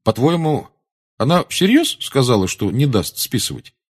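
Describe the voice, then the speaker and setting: A man reading aloud and voicing an eager, excitable teenage schoolboy wizard. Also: medium pitch, normal speed, husky, voice pushed up.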